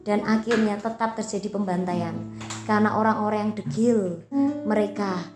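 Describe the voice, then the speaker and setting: A woman pastor preaching emphatically, swinging between loud and soft, in an echoey church hall with loud guitar behind. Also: mid-range voice, steady tone, moderate pace. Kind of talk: sermon.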